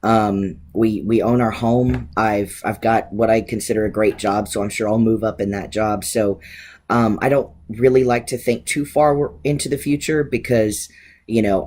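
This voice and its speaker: A man in his thirties answering viewer questions in a casual, candid vlog, relaxed with frequent ums and expressive inflections. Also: lowish voice, breathy edge. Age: 30s.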